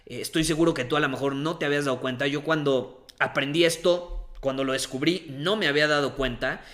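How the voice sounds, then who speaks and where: A young man coaches his listener in a bright, somewhat high voice. He talks with emphasis, slows down to stress his points and repeats the key phrases. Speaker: coach giving dating and confidence advice. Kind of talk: motivational talk to camera.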